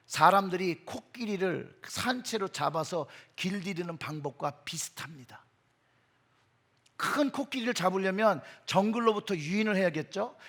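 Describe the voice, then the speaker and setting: A middle-aged male pastor giving an emphatic sermon in a church, his voice surging in pitch and loudness. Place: church sanctuary.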